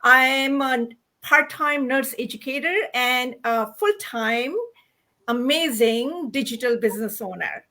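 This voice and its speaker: A middle-aged woman from India hosts a livestream talk. Her voice sits high and sounds bright and sharp. She explains her topic earnestly, pausing often with fillers and restarting her sentences. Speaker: host.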